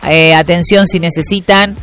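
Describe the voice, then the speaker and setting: A Uruguayan woman with a Uruguayan Spanish accent hosts a local radio show, chatting casually and reading out listener messages. Her lowish voice has a fairly bright tone and fairly even intonation at a normal speed, with lots of fillers and restarts and faint music in the background.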